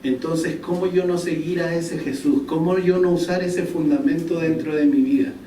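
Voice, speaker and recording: A man's voice: on the high side, steady tone, normal speed, warm tone. A man preaching a sermon to a congregation, telling a personal story and putting questions to his listeners. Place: church hall. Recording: echoey church room, distant mic, faint noise.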